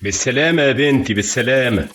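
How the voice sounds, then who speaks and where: An actor playing a mild, gentle older father with an Egyptian accent. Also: mid-range voice, quick pace, natural voice. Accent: Egyptian Arabic.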